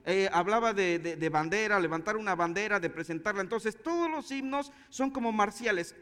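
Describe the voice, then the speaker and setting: A man's voice: high-pitched, expressive, a little fast, fairly bright tone, clean tone, big-room sound. A man with a Mexican accent, a pastor telling a story in a conversational way before preaching. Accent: Mexican Spanish. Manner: conversational storytelling, chuckling asides. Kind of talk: sermon with anecdote.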